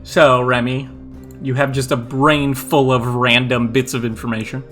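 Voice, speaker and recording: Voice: mid-range voice, little pitch movement, normal speed, fairly bright tone, soft background music. A game master narrating a tabletop game in a hesitant, rambling way with many fillers.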